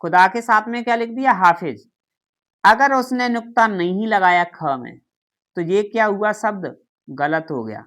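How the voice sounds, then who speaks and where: A woman's voice: medium pitch, lively intonation, normal speed, a bit bright. A woman teaching a grammar lesson, who keeps asking questions and answering them herself. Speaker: Hindi teacher.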